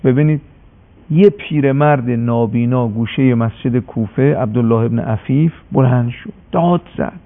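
A man tells a religious story in a sermon-like way, passionate and drawing out his words for weight. His middle-pitched voice has a gravelly edge. The sound is thin and phone-like, as on a radio broadcast. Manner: impassioned, slows for emphasis. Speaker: religious speaker.

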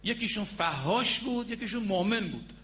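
A man's voice: high-pitched, lively intonation, bright, forceful tone. A man preaching a sermon. He tells stories emphatically, stretches out key words, and speaks directly to his audience. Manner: storytelling, addresses the audience directly.

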